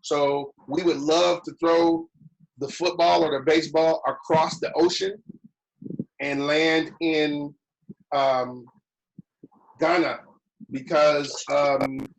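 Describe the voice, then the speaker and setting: A man's voice: a little high, expressive, slow, vocal fry, long pauses, slight background noise, low-quality recording. A man hosting an online lodge meeting, talking casually and often answering with "copy that" in a radio style.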